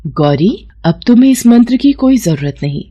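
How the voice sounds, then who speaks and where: A woman voicing a stern middle-aged mother-in-law in a cartoon story, speaking in a lowered, scolding voice. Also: big pitch swings, moderate pace, warm tone, slightly rough, highs cut off. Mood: remorseful.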